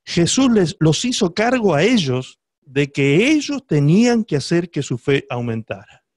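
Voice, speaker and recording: A man's voice: a little high, big pitch swings, unhurried, darkish tone, dry recording, clean studio sound. A male pastor preaching a sermon, emphatic and teaching, often checking in with rhetorical questions to his listeners.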